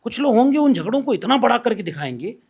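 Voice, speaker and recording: Guest voice: a man with a high-pitched voice, measured and explanatory, lays out his points in order. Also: big pitch swings, gravelly, slightly rough. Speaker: podcast guest. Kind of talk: political discussion.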